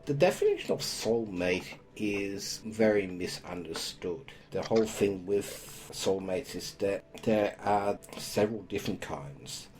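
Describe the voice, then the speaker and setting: A man hosting a podcast, explaining spiritual topics in a calm, casual way. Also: lowish voice, a little slow, few pauses. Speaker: podcast host.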